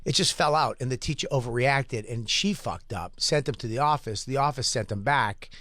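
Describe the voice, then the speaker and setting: A man's voice: medium pitch, normal speed, no room sound. A man chatting on a studio podcast, telling stories with frequent laughs. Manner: laughing often, lively storytelling. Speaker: podcast host. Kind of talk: casual studio chat.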